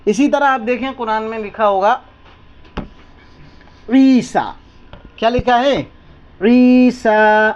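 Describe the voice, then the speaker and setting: A man's voice: very high-pitched, brisk, few pauses, dull audio, a little hiss or hum. Patient male teacher quizzing his class. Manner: patient, repeats each word and quizzes the listener. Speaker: Quran reading teacher. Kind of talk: step-by-step lesson with call-and-response questions.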